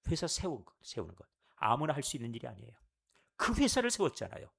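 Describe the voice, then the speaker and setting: A man's voice: medium pitch, fast talker, vocal fry, husky. A male pastor giving a sermon at a Friday church service, asking the congregation question after question. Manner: animated, rhetorical questions to the congregation.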